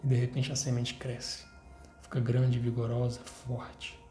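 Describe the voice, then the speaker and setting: A man's voice: medium pitch, monotone, measured pace, mellow. A young man in his twenties with a Brazilian Portuguese accent, giving an earnest personal faith testimony to his viewers and repeating phrases as he urges them on. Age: 20s. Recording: roomy echo, faint music behind.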